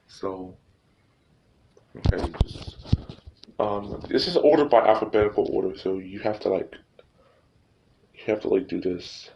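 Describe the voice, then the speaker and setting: A tutorial host with a fairly low voice talks through a casual screen-recording tutorial, informal and halting and often repeating himself. Clear background noise and some clicking are audible.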